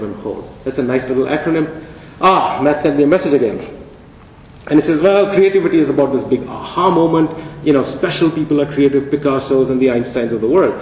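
A man's voice: on the high side, slight background noise. Man giving a playful keynote in a hall. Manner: playful, conversational, asks rhetorical questions. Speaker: keynote speaker. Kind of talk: conference keynote lecture. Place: large conference hall. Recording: dull, echoey hall recording from a distance.

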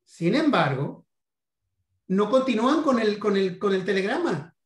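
Speaking in a high-pitched voice with big swings in pitch, this Mexican guest lecturer on numismatics delivers a history lecture on coins. His delivery is halting, full of repeats and "este" fillers, and the recording carries a roomy echo.

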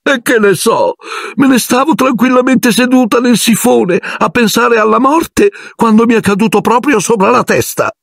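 A man voicing a touchy, self-pitying teenage ghost girl in a shrill falsetto, sobbing and shrieking. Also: normal speed, creaky, a bit bright, no echo, clean studio sound, full character voice. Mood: sulky.

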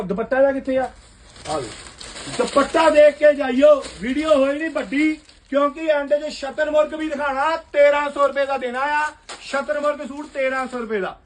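A man, a shopkeeper giving a loud live sales pitch for suits in his basement clothing shop, calling out prices rapid-fire.

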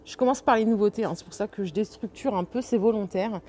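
A woman with a mid-range, darkish voice talks fast as she vlogs a casual walkthrough of a large furniture store, chatty and enthusiastic while listing prices and sizes. Slight background noise and faint store ambience can be heard.

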